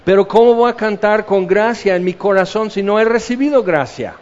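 A man's voice: high voice, expressive, moderate pace, big-room sound. A man preaching a sermon in a conversational way, acting out the quotes he uses. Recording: dull lo-fi sound.

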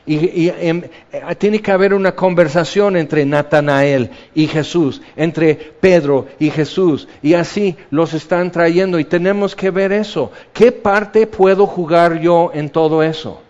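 A man's voice: fairly high pitch, darkish tone, lo-fi sound. A man preaching a sermon in a conversational way, often acting out the people he quotes. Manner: conversational, acts out quoted voices.

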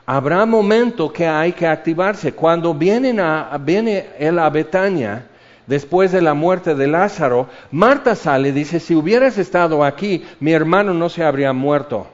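A man preaching a sermon, animated, swinging between loud bursts and hushed, intimate passages. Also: on the high side, a little slow. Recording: dull lo-fi sound.

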